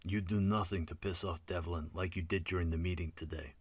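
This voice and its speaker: A man doing a wry Russian lab manager with a soft rolled R. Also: low voice, steady tone, fairly quick, slightly rough, dry recording.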